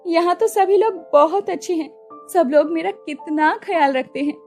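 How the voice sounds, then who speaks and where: A woman voicing a timid, sweet young bride who talks in a soft, polite, hesitant way. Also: very high voice, normal speed, soft background music, pitched above the performer's own voice. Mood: gentle. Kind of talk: storybook voice acting.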